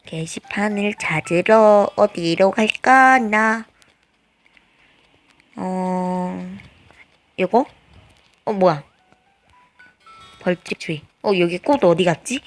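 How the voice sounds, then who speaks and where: A woman with a naturally high voice, chatting casually as she plays a life-sim game, hesitant and full of little filler sounds. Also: drawn-out words, long pauses, faint music behind. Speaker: game streamer. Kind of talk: casual gameplay commentary.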